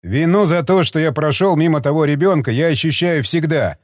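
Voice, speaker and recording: A man's voice: fairly high pitch, a little fast, no room sound, clean studio sound, close to an everyday voice. A man narrating an audiobook voices a stern, stubborn sergeant who speaks in a clipped, guarded way. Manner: stern, hissing when angered.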